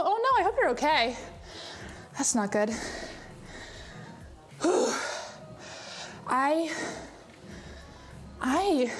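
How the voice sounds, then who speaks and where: A woman livestreamer chatting casually while exercising, winded, giggly and often breaking off to restart her sentences. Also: on the high side. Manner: giggly, hesitant, self-interrupting. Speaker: livestreamer and VTuber.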